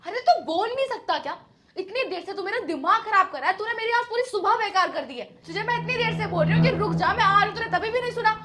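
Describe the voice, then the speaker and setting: A woman playing a shrill, short-tempered housewife. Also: steady tone, unhurried. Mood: irritated. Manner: scolding, shrill, then tearful. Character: short-tempered housewife who turns remorseful. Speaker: actress in a short drama.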